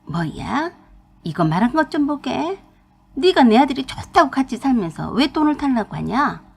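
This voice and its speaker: A woman's voice: sits high, big pitch swings, moderate pace, creaky, a little mellow, husky, exaggerated voice. Woman putting on a bossy old mother-in-law. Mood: indignant. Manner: bossy, scolding, speaks down to her daughter-in-law. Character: domineering elderly mother-in-law, scolding and greedy.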